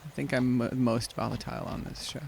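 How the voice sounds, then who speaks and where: Woman cohost, gravelly fry, laughs a lot, jokes about herself. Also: extremely low pitch, level tone, a little fast, darkish tone, slight background noise, low-quality recording. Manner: laughs easily, self-deprecating. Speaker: podcast co-host. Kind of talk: casual chat.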